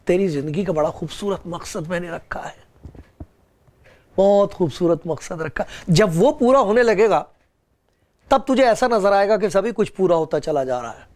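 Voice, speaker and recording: A man's voice: sits high, lively intonation, darkish tone. A man preaching a sermon on a religious program, earnest and pleading, with rising and falling emphasis.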